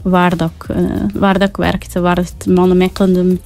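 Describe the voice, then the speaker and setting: A Flemish woman in a recorded interview clip, her voice disguised by pitch-shifting, speaking in a halting way. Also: completely flat delivery, darkish tone, faint music behind.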